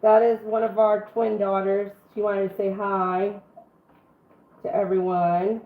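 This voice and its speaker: A woman's voice: medium pitch, flat delivery, unhurried. Under-the-weather woman on a tinny kitchen stream. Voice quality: rough, congested-sounding voice. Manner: folksy, chatty, addresses viewers by name. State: sick for two weeks, throat-clearing. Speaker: host of a live home cooking stream. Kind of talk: casual live cooking chat. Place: home kitchen, live stream. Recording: roomy, band-limited phone-like stream, faint noise.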